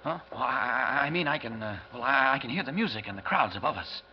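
A man as Clark Kent, earnest, lively radio hero. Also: mid-range voice, brisk, slight background noise, lightly acted. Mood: guarded. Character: mild, earnest male hero in civilian disguise. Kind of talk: 1940s radio drama acting. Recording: dull vintage radio recording with music.

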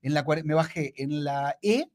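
A man's voice: a little high, moderate pace, a little mellow. A man co-hosting a casual podcast chat, repeating himself and calling his friend "amigo". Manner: chatty, repeats himself, says "amigo" often. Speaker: podcast co-host.

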